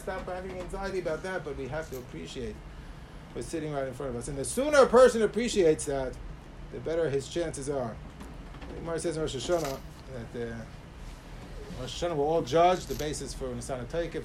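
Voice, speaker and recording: High-pitched man preaching, emphatic. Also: poor audio. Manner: emphatic, swinging between raised stress and softer asides. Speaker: rabbi giving a religious talk. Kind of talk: sermon, Torah lecture with Hebrew quotations. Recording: clear background noise.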